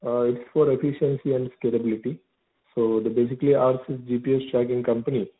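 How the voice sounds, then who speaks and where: A man with a South Indian accent speaking conversationally as a customer on a call, halting and repeating his words. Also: medium pitch, steady tone. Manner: halting, repeats words and often adds "actually". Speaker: business customer on a sales call. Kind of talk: conversational phone enquiry. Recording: tinny, narrow phone-line audio.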